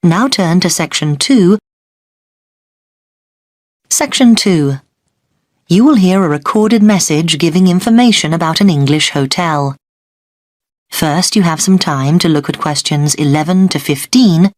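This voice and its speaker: A woman reads formal exam instructions as an announcer. Her voice sits a little low, the delivery is measured and instructional, and the recording is dry and close. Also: animated, a little mellow, no echo. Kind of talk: formal scripted test instructions.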